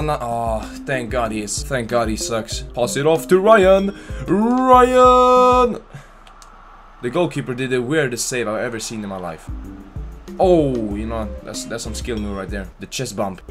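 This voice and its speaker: A man at a middling pitch talks over his football game in loose, profane banter, mocking his players and grumbling at bad passes. He erupts into loud shouts whenever a goal goes in. Faint music plays underneath his voice. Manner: excitable, trash-talks players, shouts at goals. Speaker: gaming channel host. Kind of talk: casual profane gameplay commentary.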